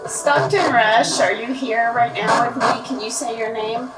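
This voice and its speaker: In a paranormal session she's hosting, a woman puts short questions to spirits out loud and repeats the replies she believes she gets. Her voice is on the high side, steady and measured. The recording is echoey and noisy, with clicks, from a distant mic.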